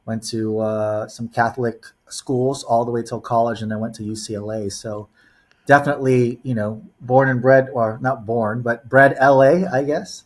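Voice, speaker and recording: Speaking at an ordinary mid pitch with a steady tone and moderate pace, this Philippine-born, LA-raised man in his forties spins long, wandering stories. He's a guest on a relaxed podcast, and "you know" and "um" turn up constantly.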